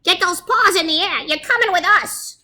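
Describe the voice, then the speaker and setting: A woman voicing a blustering male mouse commander from a storybook, squeaky and bossy, given to exclaiming. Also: moderate pace, sharp tone, exaggerated voice. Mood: bossy, commanding.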